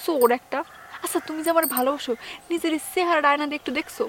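Brief: high, quick, sharp-tongued village fiancée played by a woman. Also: slight background noise. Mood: scornful. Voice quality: scolding and blunt. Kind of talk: village comedy drama acting.

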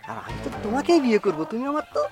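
Brief: high-pitched, rapid, pompous village playboy played by a man, music behind. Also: big pitch swings. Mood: evasive. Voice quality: loud, pompous and fast-talking. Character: boastful young village chairman's son, womanizer. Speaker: chairman's son. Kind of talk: village comedy drama acting.

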